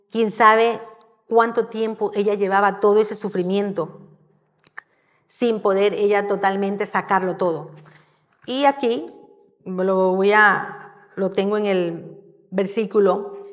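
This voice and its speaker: A woman giving a sermon in a church, telling the story in a lively, conversational way. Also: mid-range voice. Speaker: church speaker. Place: church hall. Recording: long hall reverb.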